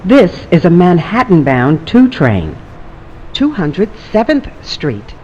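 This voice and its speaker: A man giving a recorded train announcement over an onboard loudspeaker, slow, measured and formal. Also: sits high, wildly swooping pitch. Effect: played over a train loudspeaker. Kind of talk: automated subway announcement. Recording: muffled lo-fi loudspeaker, faint hum.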